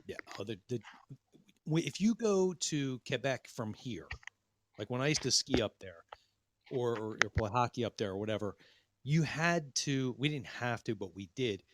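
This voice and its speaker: A man's voice: medium pitch, animated, moderate pace, noisy background. A man hosting a podcast in casual banter, rambling with restarts and crude jokes. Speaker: podcast host.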